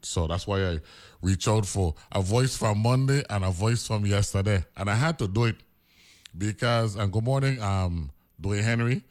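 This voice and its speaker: Rambling radio host. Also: male voice, lowish voice. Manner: animated, rambling, halting with fillers. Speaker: radio talk show host. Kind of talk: casual political talk radio.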